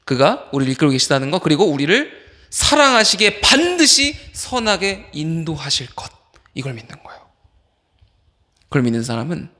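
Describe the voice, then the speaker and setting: A man, an associate pastor, preaching informally to a youth group, firing questions at the teens and calling on them by name. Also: on the high side. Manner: animated, fires questions at listeners. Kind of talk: youth sermon.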